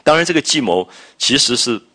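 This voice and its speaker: A man lecturing on a classic novel, retelling scenes and explaining old phrases in a chatty, lively way. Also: medium pitch, a little fast. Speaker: literature lecturer. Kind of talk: storytelling literature lecture.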